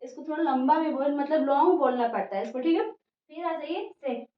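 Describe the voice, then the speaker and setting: High-voiced woman teacher in an echoey room. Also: fairly quick. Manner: spells words out letter by letter, repeats "theek hai" often. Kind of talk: English spelling and pronunciation lesson. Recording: muffled, echoey room, voice from a distance.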